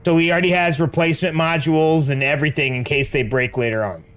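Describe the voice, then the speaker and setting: Slangy American man, slightly high voice. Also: fairly even intonation, fast talker, fairly bright tone. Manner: slangy, says dude and like often. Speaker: game streamer. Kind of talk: casual chat while gaming.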